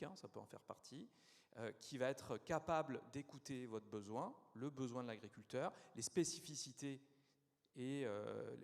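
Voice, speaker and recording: A man's voice: medium pitch, gravelly, darkish tone. Hesitant man on a round-table panel. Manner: halting, hesitant explaining. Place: conference hall. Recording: conference hall reverb.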